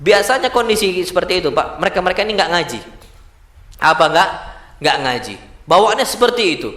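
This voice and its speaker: Man, mosque preacher, very high voice, rhetorical questions, echoey hall. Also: a little fast. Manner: lively, asks the audience rhetorical questions and answers them himself; addresses listeners as "Pak", quotes Arabic sayings. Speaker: Islamic preacher. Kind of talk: mosque sermon.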